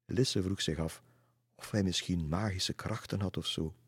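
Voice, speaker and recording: A man reading a children's story aloud in a calm, steady way. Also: low voice, measured pace, breathy edge, dry recording, clean studio sound. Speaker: narrator.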